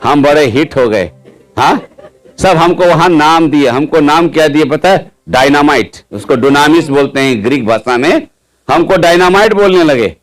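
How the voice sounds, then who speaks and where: A man's voice: fairly high pitch, normal speed, soft background music. A male preacher telling his testimony in a sermon, keeping the audience involved with frequent questions. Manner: lively storytelling, quizzing the audience with questions.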